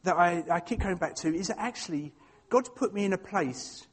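This is a man with an Essex accent and a notably high voice for a male speaker. He speaks informally to a church, telling personal anecdotes. His delivery is chatty and self-deprecating, often hesitating as he finds his way through a thought. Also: brisk, breathy edge. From Essex, England.

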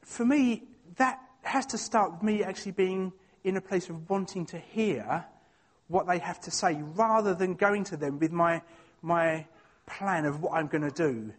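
A man's voice: high voice, a little slow. A man with an Essex accent giving an informal sermon with personal anecdotes, in a hesitant, self-deprecating, chatty way. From Essex, England. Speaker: church speaker.

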